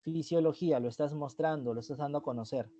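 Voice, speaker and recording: A man's voice: a little high, quick pace, dark tone, highs cut off. A man teaching an online review class, explaining terms step by step and often checking in with the students.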